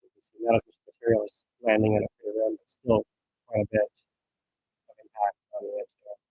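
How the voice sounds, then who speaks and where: A man's voice: fairly low pitch, monotone, brisk, husky, dry recording, narrow, tinny audio. Man with a garbled, underwater-sounding mic. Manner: loose, rambling narration with restarts. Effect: garbled underwater-sounding bad microphone connection. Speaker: volcano update co-host. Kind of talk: casual livestream commentary over eruption footage.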